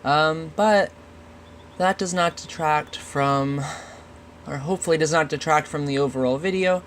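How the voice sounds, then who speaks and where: A man with a stuffy, nasal voice from a cold, casually talking through his digital drawing process with many pauses and restarts. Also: a little high, fairly bright tone, a little hiss or hum. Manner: halting, many ums and restarts. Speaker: digital art video host. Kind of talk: casual draw-along commentary.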